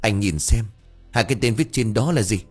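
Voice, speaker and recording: A man voicing a grieving, furious older village man who shouts curses and mocks bitterly. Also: on the low side, animated, moderate pace, husky, soft background music. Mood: bitter mocking.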